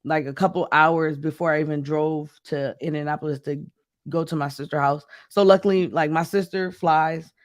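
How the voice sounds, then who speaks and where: Excitable man with a dry, close sound. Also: fairly high pitch, normal speed, no echo. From Midwest US. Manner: chatty and excitable, with animated storytelling. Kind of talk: casual chat.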